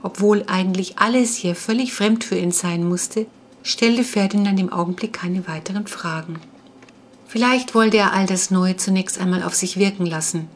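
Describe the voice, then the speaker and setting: A woman narrating a children's story in calm, even audiobook style. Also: mid-range voice, moderate pace, a little hiss or hum.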